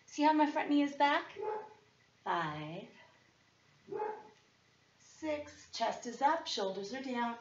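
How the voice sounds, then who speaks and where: Hoarse woman fitness coach, dull recording. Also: a little high, big pitch swings, slow, long pauses, far from the mic, slight background noise. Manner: chatty, encouraging. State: voice partly lost. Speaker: fitness instructor and program host. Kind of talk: instructional workout talk. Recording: dull, lo-fi sound.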